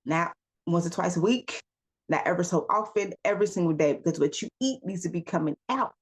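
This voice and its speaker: A woman giving a casual self-help talk as a wellness coach, firing off questions and calling listeners y'all and baby. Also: lowish voice. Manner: asks rapid rhetorical questions, calls listeners y'all and baby; emphatic, coaching.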